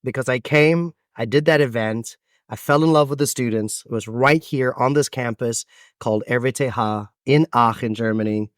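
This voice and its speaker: An animated storyteller in his thirties, this American man answers interview questions at length with dramatic pauses. He's a podcast guest and event MC whose medium-pitched voice is recorded dry and close-miked.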